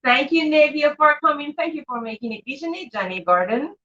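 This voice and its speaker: Her voice is high, sharp in tone and fairly quick as she enthusiastically runs a children's live read-aloud show, saying hello to viewers and repeating her phrases a lot. The livestream microphone makes her sound dull and distant.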